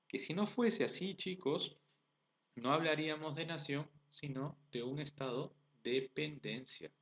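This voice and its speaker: A man's voice: fairly high pitch, measured pace, a bit bright. A man with a Peruvian accent teaching a class, explaining step by step, asking rhetorical questions and checking in with his students. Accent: Peruvian Spanish. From Peru. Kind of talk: recorded online class lecture. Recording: dull lo-fi recording.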